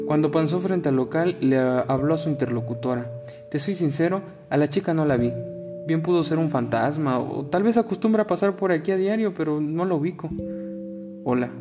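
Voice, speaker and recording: An older man with a Mexican accent telling a story to the listener in a chatty, folksy way with earthy asides. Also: medium pitch. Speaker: storyteller, key cutter. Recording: guitar music playing behind.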